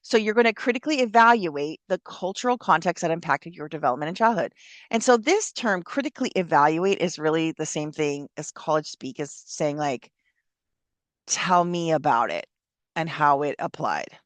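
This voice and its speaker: An older college instructor from Southern California explains an essay assignment in a chatty, encouraging classroom style full of fillers. Her voice is low-pitched and expressive, at normal speed, with no echo.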